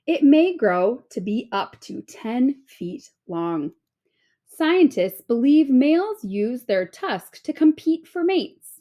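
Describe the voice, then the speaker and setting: Like a teacher, a woman reads an informational children's book aloud, her delivery expressive and clearly phrased. Her voice is a little high.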